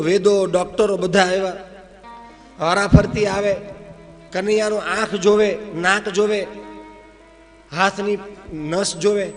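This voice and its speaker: A man from Gujarat telling a devotional story, animated and acting out the scenes as he narrates. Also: high voice. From Gujarat, India. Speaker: religious storyteller. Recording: reverberant hall with faint music.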